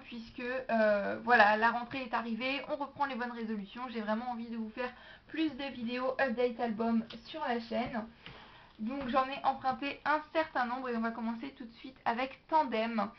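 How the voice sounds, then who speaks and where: A woman's voice: on the high side, a little hiss or hum. A young woman with a French accent chatting enthusiastically about library books in a casual vlog. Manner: chatty and enthusiastic, lively asides. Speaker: book vlogger. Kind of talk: casual book haul vlog. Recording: dull, lo-fi home video sound.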